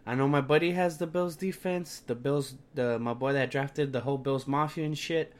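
A man's voice: mid-range voice, fairly even intonation, moderate pace. A young man talking sports on a solo podcast in a brash, slangy, sweary frat-bro manner, sounding sick and tired.

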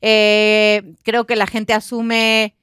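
A woman's voice: medium pitch, extremely slow, smooth, dry recording, studio quality. A woman with a Mexican accent, hosting and talking expressively in a casual chat. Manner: expressive, animated storyteller. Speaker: host.

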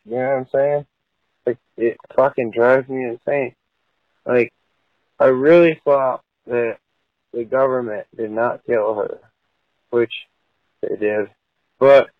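A man rambles drunkenly through a crude voicemail message, his voice coming over a landline phone. The line sounds dull and lo-fi, and the voice is dry and close with no room around it. His pitch sits in the middle for a man. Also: dry recording. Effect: heard over a phone line as a voicemail. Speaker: voicemail caller.

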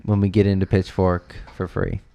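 A young man hosting a casual podcast chat, relaxed and a little rambling, quick to laugh. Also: low voice, smooth. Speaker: podcast host.

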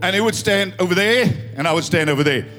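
A fast-talking, animated South African pastor in his fifties delivers an impassioned sermon in church, switching between English and Afrikaans. His high voice sounds tired, faint music plays behind him, and his emphatic storytelling swells into loud proclamation.

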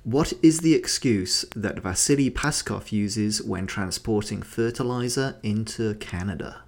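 A man's voice: lowish voice, a little slow, gravelly. A man hosting a podcast, running a quiz and chatting casually with fillers. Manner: relaxed, chatty, with frequent fillers. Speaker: podcast host.

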